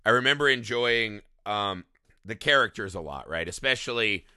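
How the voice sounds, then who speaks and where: Bright-voiced man chatting about movies. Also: fairly low pitch, animated, moderate pace, smooth, dry recording, studio quality. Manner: swears a lot, says "right?" often. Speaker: podcast co-host. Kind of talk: casual movie chat.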